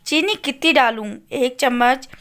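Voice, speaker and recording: A woman's voice: high-pitched, a little slow, fairly bright tone. A woman voicing a polite young daughter-in-law in a storybook, respectfully asking questions. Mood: dutiful. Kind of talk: storybook character voice.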